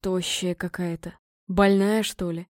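A woman voicing a crude, grubby male vagabond suitor in a low, whining, boorish voice. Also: level tone, unhurried, a little mellow, dry recording, studio quality, natural voice. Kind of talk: audiobook reading.

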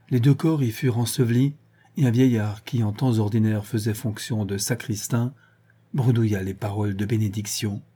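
Dark husky male audiobook narrator. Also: medium pitch.

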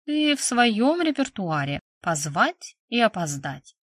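A woman's voice: medium pitch, big pitch swings, normal speed, no echo, studio quality. A woman reading an audiobook voices a young woman's friend who teases and mocks in a sly, giggly way. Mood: teasing.

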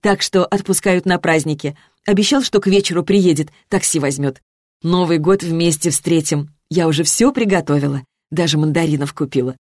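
A woman's voice: low-pitched, normal speed, a little mellow, no echo, clean studio sound. A woman voicing a homely older woman, a neighbour, speaking in a cosy, glad way.

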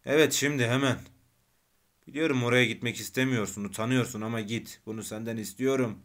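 A man voicing a dying, irritable man with tuberculosis who grumbles bitterly and bursts into shouting. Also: medium pitch, a little fast, close to an everyday voice. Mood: grumbling.

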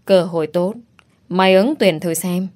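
A brash, foul-mouthed young woman who bosses her friend around and still cares about her, as a female reader acts her out. She talks loudly and bluntly, teasing as she goes, in an audio storybook. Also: fairly low pitch, fairly even intonation, normal speed, lightly acted. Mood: bossy.

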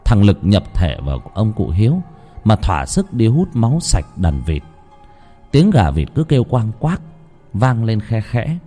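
A man narrating a horror story in an expressive, dramatic reading. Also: on the low side, unhurried, husky, soft background music.

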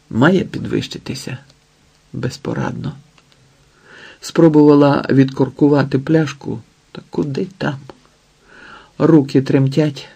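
A man's voice: medium pitch, creaky, mellow, slightly rough. A man reading an audiobook in terse, dramatic phrases. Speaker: audiobook narrator.

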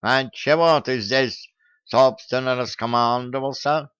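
A man's voice: mid-range voice, takes it slowly, fairly bright tone, clean tone, no room sound, lo-fi sound, pitched above the performer's own voice. Yowling bossy male cat, a man putting it on, dry close sound. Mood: huffy. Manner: yowling, squabbling.

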